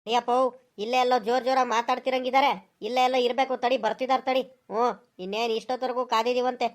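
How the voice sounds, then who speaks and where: A woman's voice: on the high side, little pitch movement, very fast, natural voice. Woman voicing a grumbling old village headman. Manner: complaining, exasperated. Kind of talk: cartoon voice acting.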